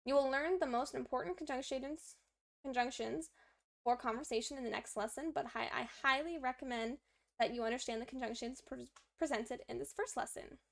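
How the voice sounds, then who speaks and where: Brisk and gravelly with a high pitch, this woman works through a live study stream, reading the lesson aloud. She stays upbeat, talking to herself as she writes out examples while learning a language.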